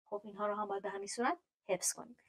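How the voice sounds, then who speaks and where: Persian-speaking woman, mid-pitched, patient French grammar teacher, reads verb tables slowly. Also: fairly even intonation, poor audio. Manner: explains patiently, reads French verb forms aloud slowly, frequent fillers. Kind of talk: grammar lesson.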